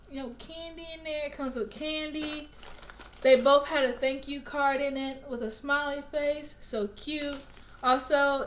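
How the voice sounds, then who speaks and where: A woman's voice: a little high, a little hiss or hum. A young woman from Alabama, chatting casually to her viewers in an unboxing vlog and Q&A, rambling and drifting off track. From Alabama, US South. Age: young adult. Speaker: vlogger.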